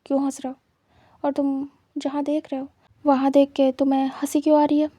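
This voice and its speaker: A calm, blunt young man in a storybook reading who asks direct, matter-of-fact questions, as a woman reader puts him on. The voice is high but flat and dark, recorded close and dry. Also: brisk, dry recording, natural voice.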